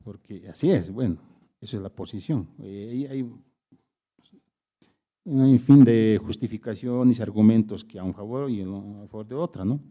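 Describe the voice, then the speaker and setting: A man, speaking as the invited speaker at a public talk and answering audience questions, halting and searching for words with many pauses. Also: on the low side, mellow, dull audio. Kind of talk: explanatory lecture with audience questions.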